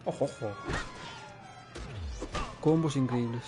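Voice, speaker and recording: A man's voice: medium pitch, takes it slowly. A man with an accent from Spain giving casual, playful, slangy commentary as he plays a game. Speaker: gamer. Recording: loud game music and effects behind.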